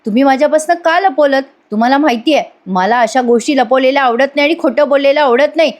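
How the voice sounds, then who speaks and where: A woman's voice: sits high, fast talker, voice pushed up, lightly acted. A woman voicing a caring young wife who questions her husband earnestly. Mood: hurt.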